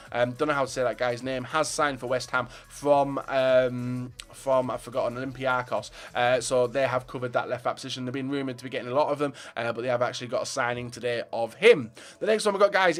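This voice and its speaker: A young man chatting through football transfer news for his viewers, opinionated and full of fillers. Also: mid-range voice. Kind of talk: casual commentary to viewers.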